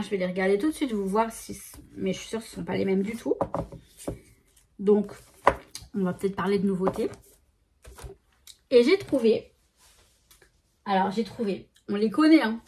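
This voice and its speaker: A woman's voice: mid-range voice, moderate pace, pauses often, a little mellow, slightly rough. A woman chatting casually to her viewers as a scrapbooking vlogger, showing new stickers and often correcting herself mid-sentence. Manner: chatty, self-correcting, talks to viewers while handling stickers. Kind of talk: casual haul video chat.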